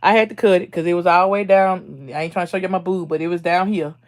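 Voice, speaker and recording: A woman's voice: fairly low pitch, quick pace. A woman hosting her own livestream, chatting casually with viewers, reading their comments aloud and laughing often. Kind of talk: casual live chat.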